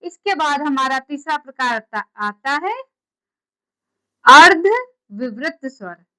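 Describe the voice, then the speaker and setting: A woman's voice: high-pitched, animated, slow, sharp tone, low-quality recording. A woman teaching a class, repeating key terms and quizzing her students with questions. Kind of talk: classroom lecture.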